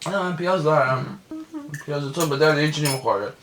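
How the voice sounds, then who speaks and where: A man's voice: on the high side, background noise. A young man co-hosting a casual mukbang food vlog, speaking Persian with an English accent and firing back dry jabs while mixing in English. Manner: deadpan jabs, switching between Persian and English.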